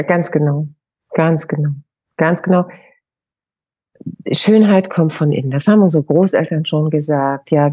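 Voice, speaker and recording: A woman's voice: deep voice, a little mellow, husky, dry recording. A middle-aged woman, a naturopath guest, giving emphatic, coaxing advice in a podcast interview.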